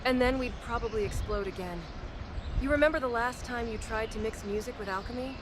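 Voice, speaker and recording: A woman with a fairly high, natural voice speaks briskly over slight background noise. She plays a practical, skeptical adventurer in scripted fantasy comedy dialogue, dryly sarcastic, wry and exasperated.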